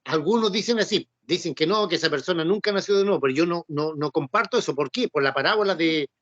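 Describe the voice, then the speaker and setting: A man with a slightly high, somewhat bright voice talks fast while teaching a Bible class, keeping it conversational, repeating himself and often posing rhetorical questions. The lo-fi recording is dull and dry, with no room sound.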